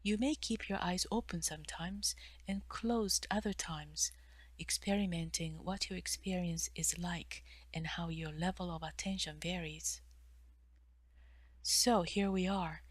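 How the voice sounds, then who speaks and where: Leading a mindful stretching session, a female meditation guide and therapist speaks softly and breathily, offering gentle, measured directions with pauses. Many of her phrases trail off nearly to a whisper. Her voice is lowish and the recording is dry.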